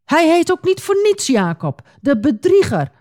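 A woman voicing a hot-tempered young male hunter, pleading and shouting in a storybook reading. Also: medium pitch, lively intonation, normal speed, dry recording, clean studio sound, natural voice. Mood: distraught.

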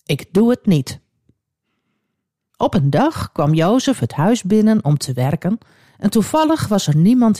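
A woman narrating a Bible story for children, expressive and speaking directly to young listeners. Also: mid-range voice, dry recording, studio quality.

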